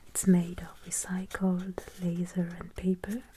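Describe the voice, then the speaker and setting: Whispered role-play, woman as courteous fantasy travel clerk, female, breathy, soothing, unhurried, mellow. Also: fairly low pitch, monotone, a little hiss or hum, close to an everyday voice. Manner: slow, soothing, gently attentive. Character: gentle, courteous female fantasy travel agency shop assistant. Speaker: ASMR performer.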